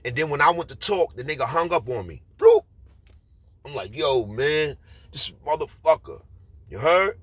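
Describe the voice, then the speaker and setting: A man's voice: a little high, big pitch swings, normal speed, fairly bright tone, slightly rough, dry recording. A man with a Bronx accent telling a street story casually, rambling with slang and frequent fillers. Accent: New York Bronx.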